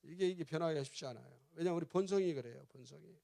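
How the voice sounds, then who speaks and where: A middle-aged male pastor preaching emphatically, questioning the congregation and rising to loud exclamations. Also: on the high side, rapid-fire, vocal fry. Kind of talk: revival sermon.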